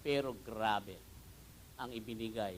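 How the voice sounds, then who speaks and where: A male pastor with a Filipino accent preaching a sermon, mixing Tagalog and English, swinging from hushed prayer to loud emphatic bursts. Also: on the low side, unhurried, slight background noise. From Philippines. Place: church hall.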